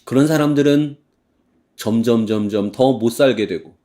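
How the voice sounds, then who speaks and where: A male pastor giving a sermon in church, animated, acting out heated complaints and now and then singing a hymn slowly. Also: medium pitch.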